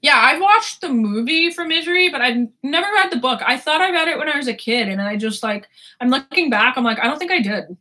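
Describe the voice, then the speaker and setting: Woman, twenties, book vlogger, casual rambling chat, frequent swearing, bright voice, somewhat high. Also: lively intonation, brisk. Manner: rambling, swears often, laughs a lot. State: sore throat.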